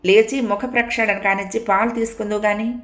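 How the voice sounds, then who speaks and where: A woman's voice: mid-range voice, flat delivery, brisk, a bit bright, pitched above the performer's own voice, lightly acted. A woman voicing a teasing, chatty young man, a friend in a spoken story, recorded in an echoey room.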